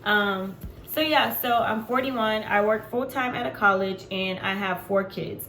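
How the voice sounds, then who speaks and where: Chatty and unfiltered, a vlogger in her 40s talks to camera with frequent ums. Her voice sits in the mid range with a fairly bright tone, and her pace is a little slow. The space sounds echoey, with faint background noise.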